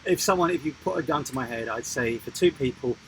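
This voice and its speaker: A man's voice: medium pitch, fast talker, a bit bright, slight background noise, rough recording. A man co-hosting a live stream Q&A about sailing, joking and rambling as he answers viewers' questions. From England. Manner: jokey, rambling, self-interrupting. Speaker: sailing vlog co-host.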